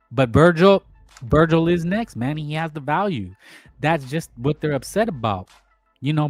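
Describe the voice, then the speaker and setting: A man hosting a boxing talk show, giving his opinions in a rambling, emphatic way and often repeating himself. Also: medium pitch. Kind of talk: casual opinion monologue.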